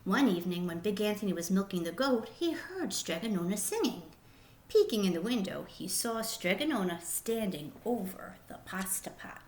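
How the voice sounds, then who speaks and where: Casting: female storybook reader, lively and expressive, higher-pitched, recorded in a roomy echoey space. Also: moderate pace, slight background noise. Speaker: teacher reading a picture book aloud. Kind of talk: expressive children's story narration.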